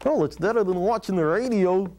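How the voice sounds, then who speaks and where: A man voicing a cheeky, wisecracking boy ventriloquist dummy in a squeaky, eager puppet-show voice. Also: lively intonation, fairly quick, darkish tone. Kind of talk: puppet show comedy patter.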